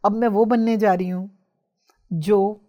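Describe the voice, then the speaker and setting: A woman telling her spiritual experiences as a guest in an emotional storytelling style, mixing English phrases into her Hindi and rising into intense, excited outbursts. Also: mid-range voice, takes it slowly, highs cut off.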